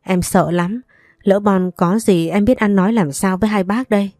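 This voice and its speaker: A woman's voice: mid-range voice, steady tone, moderate pace, darkish tone, dry recording, studio quality, natural voice. A woman reading the lines of a frightened, guilt-ridden young woman in a storybook reading, anxious and apologetic.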